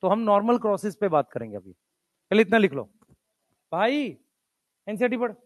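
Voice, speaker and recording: A male teacher giving a classroom lecture. He calls his students "beta", mixes in English technical terms, and keeps urging them to write quickly. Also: high-pitched, very animated, dry recording.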